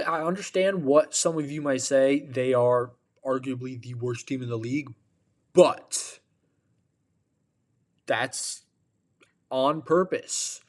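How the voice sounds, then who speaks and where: A tired man hosting a podcast, giving opinionated casual sports commentary with a drawn-out delivery. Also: on the high side. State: tired, yawning. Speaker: podcast host.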